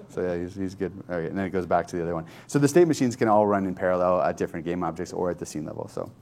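A man casually demonstrating software on screen, thinking aloud in a loose, conversational way. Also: low-pitched, quick pace. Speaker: software developer demoing a tool. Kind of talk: informal screen-share tech demo.

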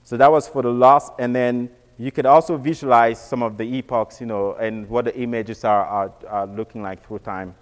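Man, technical walkthrough, mid pitch, halting restarts, reverberant hall. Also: steady tone. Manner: casual, repeats words and restarts often. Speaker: presenter.

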